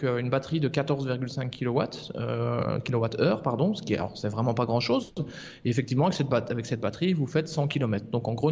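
A man talking in a relaxed, joking way as a regular guest on a casual podcast, often halting with fillers. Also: mid-range voice. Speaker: regular columnist. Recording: dull lo-fi sound with long reverb.

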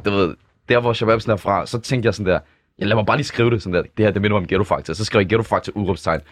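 A man's voice: fairly low pitch, no room sound. A man co-hosting a casual studio talk show, telling the group's story and acting out quoted voices. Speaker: podcast co-host. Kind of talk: casual chat. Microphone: studio mic.

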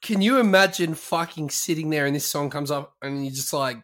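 A man's voice: on the high side, a little fast, a bit bright. A man co-hosting a podcast, joking crudely and swearing in casual banter. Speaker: podcast co-host.

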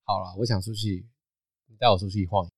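A man's voice: on the low side, fairly quick, creaky, dry recording, studio quality. A man with a Taiwanese Mandarin accent, co-hosting a casual podcast chat and telling stories with a laugh. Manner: animated storyteller, laughs often. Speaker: podcast co-host.

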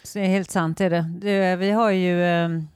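A woman's voice: on the low side, steady tone, darkish tone, smooth, dry recording, studio quality. A woman in her fifties with a Gothenburg Swedish accent, chatting casually and telling stories with frequent laughter and casual swearing. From Sweden. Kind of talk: casual chat.

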